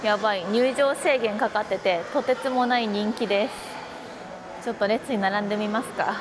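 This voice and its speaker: A woman chatting casually through a travel vlog, playful and quick with self-deprecating jokes while she walks around sightseeing. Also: medium pitch, noisy background. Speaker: travel vlogger. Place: out and about sightseeing in a city. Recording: background music under voice.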